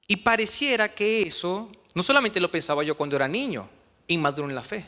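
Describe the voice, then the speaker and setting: Man, pastor, lively sermon, swooping pitch, echoing church hall. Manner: preaching with rhetorical questions to the congregation. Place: church sanctuary.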